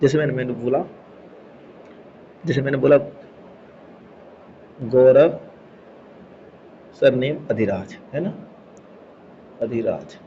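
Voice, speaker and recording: A man teaches a Hindi grammar lesson step by step, repeating key words and checking that his students keep up. He speaks slowly at a medium pitch with frequent pauses, on a slightly dull recording with faint background noise.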